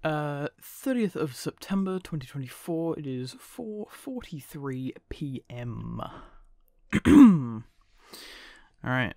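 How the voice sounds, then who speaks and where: A woman's voice: low voice, lively intonation, slow pace, few pauses, darkish tone, no room sound, clean studio sound. A woman voice actor doing repeated takes of lines, offhand and self-deprecating between attempts. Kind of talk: voice acting outtakes.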